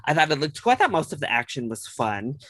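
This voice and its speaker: A man's voice: fairly high pitch, sing-song, fast, pushed and bright, dry recording. A man co-hosting a casual movie review podcast, chatty and prone to laughing and trailing off. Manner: chatty, laughs often, trails off mid-sentence. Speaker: podcast co-host.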